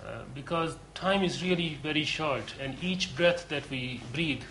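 A man giving a lecture to a seminar group, earnest and deliberate, pausing often with hesitations. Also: on the high side, bright, forceful tone, a little hiss or hum, rough recording. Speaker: course lecturer.

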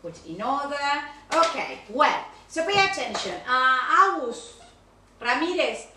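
Argentine woman, English teacher, high bright voice, roomy and distant recording. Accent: Argentine Spanish. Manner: slow, drilled English words mixed with brisk Spanish explanations. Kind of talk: recorded video class feedback. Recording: echoey room, voice a bit far from the mic.

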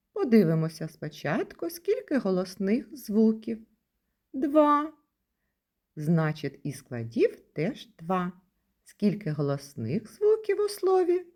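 A woman from Ukraine leads a lesson for small children, speaking slowly and patiently. Her voice is mellow, and her pitch swings widely as she lifts each word she wants them to catch. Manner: sing-song, stresses key words with rising pitch. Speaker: kindergarten teacher.

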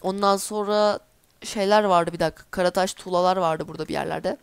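A woman in a casual let's-play, chatting away to herself and her viewers as she plays. She is quick to get exasperated when things go wrong. Her voice is smooth and clean, recorded close and dry with no room sound. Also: on the low side, steady tone, dry recording. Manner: chatty, easily exasperated, talks to herself while playing. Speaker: gameplay commentator.

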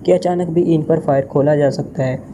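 A man's voice: mid-range voice, flat delivery, normal speed, noisy background, lightly acted. A man voicing a smug, self-assured male prime minister in an audio novel.

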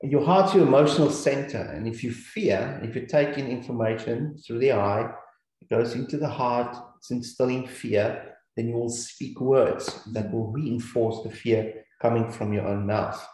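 This Bible teacher, a man with a New Zealand accent, has a medium-pitched, darkish voice and speaks at a normal speed. He teaches scripture over slides in an earnest, repetitive manner, recorded in a very echoey room.

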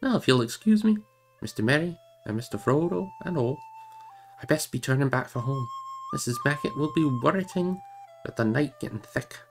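A man reading aloud and voicing a gruff but kindly older male hobbit farmer with rustic speech. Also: fairly high pitch, wildly swooping pitch, moderate pace, faint music behind, pitched above the performer's own voice.

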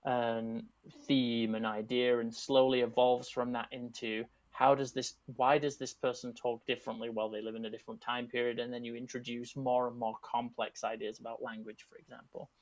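This panelist, an English teaching artist and artistic director in his thirties, has a mid-range voice with little pitch movement, normal speed, and few pauses, plus a Yorkshire accent softened for Americans. He's casual and thoughtful, full of restarts and asides, calling in from a home room on earphones with dull lo-fi audio.

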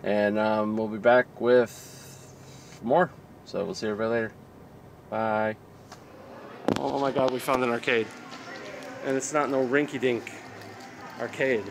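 A man in his thirties chats through a road-trip vlog, getting excitable as he talks. He holds a phone at arm's length in a car, his voice sitting at an everyday pitch with a faint hum behind it. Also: a little slow, pauses often. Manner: excitable, chatty. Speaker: vlog co-host. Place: inside a car, then a loud arcade. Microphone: handheld phone camera at arm's length.

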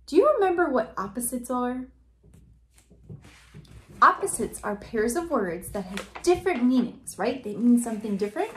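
Animated sing-song woman teacher. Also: a little high, moderate pace, reverberant. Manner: sing-song, animated, coaxing questions to young children. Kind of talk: children's read-aloud lesson.

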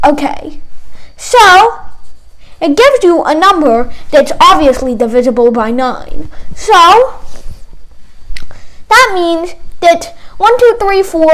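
A woman's voice: sits high, a bit bright, poor audio. A woman tutoring math in a playful, teasing way, dropping jokey asides between the steps. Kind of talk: comedic math lesson.

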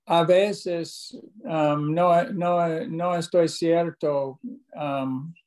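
A male language learner answering his teacher. His voice sits slightly high but sounds dark and mellow. He talks very slowly and haltingly, searching for each word. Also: steady tone, poor audio. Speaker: student. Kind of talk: hesitant learner speaking.

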